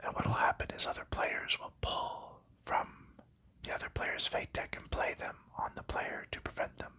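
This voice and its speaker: In this ASMR clip, the creator walks through a board game in a gentle whisper, taking his time as he covers its rules and pieces.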